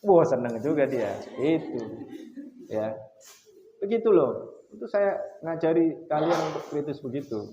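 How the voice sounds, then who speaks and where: Middle-aged male lecturer, casual and animated, slightly high voice, echoey dull room sound. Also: a little slow, background noise. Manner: animated storytelling, acts out quotes loudly. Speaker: lecturer teaching students.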